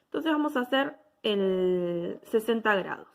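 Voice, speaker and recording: A woman's voice: mid-range voice, expressive, measured pace, creaky. A woman, giving a patient step-by-step technical drawing lesson and checking in with her students after each step.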